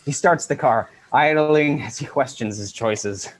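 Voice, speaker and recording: A man reading stage directions in a brisk, matter-of-fact way at an unrehearsed script read-through. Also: mid-range voice, background noise.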